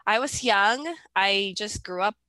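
A woman in her twenties from the Philippines, chatting as a podcast guest over a video call. She hesitates, restarts and fills gaps with "um," with a bright, pressing tone. The sound is dry with no room around it. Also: medium pitch, unhurried, dry recording. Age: 20s. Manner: hesitant, many fillers and restarts, giggly. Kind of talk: casual video-call interview.

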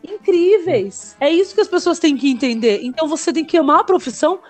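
A Brazilian woman in her thirties, a comedian chatting casually and telling stories in an animated way, swearing freely. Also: extremely high pitch, a little fast, soft background music. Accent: Brazilian Portuguese. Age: 30s. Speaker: comedian, podcast guest. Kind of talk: casual chat.

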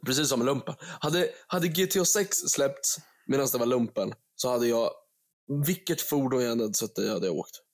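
Man från Sverige, vardagligt prat, skämtsam, medelhög röst. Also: mid-range voice. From Sweden. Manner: animated, joking, swearing storyteller. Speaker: podcast host. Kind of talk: casual chat.

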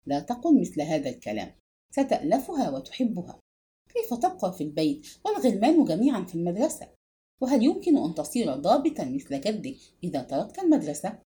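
A woman reading aloud voices a gentle mother who soothes her son in a soft, tender way. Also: fairly low pitch, very animated, fast. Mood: tender soothing.

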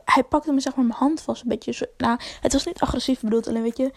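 A woman's voice: high-pitched, fairly even intonation, quick pace, vocal fry, no room sound. A young woman telling a rambling, slangy story to camera, full of fillers and swearing. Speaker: vlogger.

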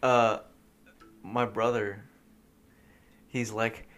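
A man's voice: fairly low pitch, little pitch movement, extremely slow, a bit bright, soft background music. A young man co-hosting a casual podcast, rambling through his stories with lots of fillers and laughing as he tells them. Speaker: podcast co-host.

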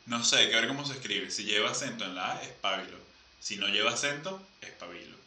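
Bright-voiced Venezuelan man, off-mic. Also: medium pitch, fast, recorded from a distance. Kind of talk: casual chat. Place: lives in Argentina. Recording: roomy, off-mic with faint noise.

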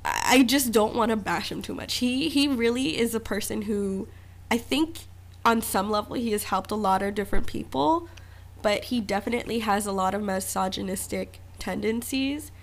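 A young woman co-hosting a podcast, chatting casually, animated and laughing often. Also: mid-range voice, moderate pace. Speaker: podcast co-host.

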